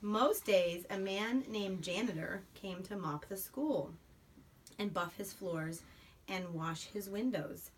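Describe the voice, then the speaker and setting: Slowly and in a mid-range voice, a woman reads a picture book to a young child, animating the story and adding simple chatty asides, explanations, and prompts. The noisy home mic sits far away, picking up room noise and the child's voice.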